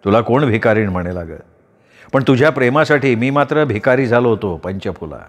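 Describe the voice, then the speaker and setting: A male storyteller playing a stern, short-tempered rich landowner who speaks slowly and weightily. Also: mid-range voice, expressive, close to an everyday voice. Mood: tender.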